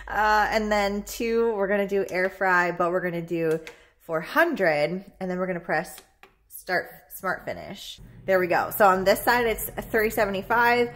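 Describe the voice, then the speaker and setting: A woman's voice: medium pitch, fairly bright tone. A woman vlogger chatting casually and upbeat while she preps meals at home, thinking aloud as she goes. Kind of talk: casual meal-prep chat. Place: home kitchen. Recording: echoey room with faint ambience.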